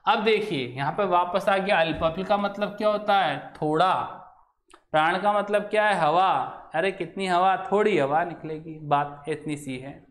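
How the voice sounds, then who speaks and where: A man's voice: high voice, normal speed, fairly bright tone. A male teacher giving a Hindi grammar lecture in a classroom, asking the class questions and answering them himself. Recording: echoey room.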